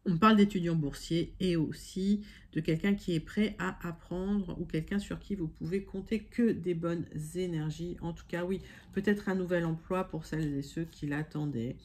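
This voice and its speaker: A woman's voice: on the low side, fairly even intonation, moderate pace, hardly any pauses, a little mellow. A woman giving a casual online tarot reading. She talks straight to her viewers as friends, reassuring them, with frequent fillers and self-corrections. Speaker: tarot card reader.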